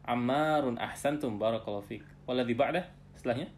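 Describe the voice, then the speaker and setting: A man's voice: medium pitch, a little fast, slight background noise. Patient male Arabic teacher on a video call. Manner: patient, drills terms, ends phrases with "ya". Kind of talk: online class lesson.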